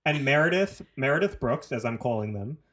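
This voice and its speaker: A man's voice: mid-range voice, expressive, fairly quick, a loud crowd. A man from New Zealand with a New Zealand accent, co-hosting a casual podcast and jumping between topics with swearing. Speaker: podcast co-host. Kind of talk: casual chat.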